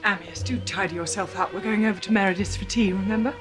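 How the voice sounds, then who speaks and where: A woman acts an upper-class English wife in a period television drama. Her English accent is clipped and her manners are poised, with sarcasm under the courtesy. The voice sits at a middling pitch. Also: fairly even intonation, fast talker, music in the background, natural voice. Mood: brisk.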